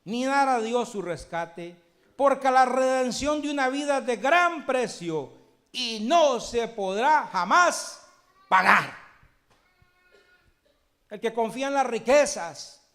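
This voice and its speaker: A man preaches a sermon. He swings between shouted, ringing lines and low, hushed ones. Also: animated, slow pace, long pauses. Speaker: pastor.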